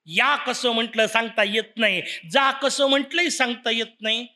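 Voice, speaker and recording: A man's voice: very high-pitched, normal speed. A man giving a devotional lecture, firing rhetorical questions at his listeners and telling stories with playful teasing. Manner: rhetorical questions, animated storytelling. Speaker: religious discourse speaker.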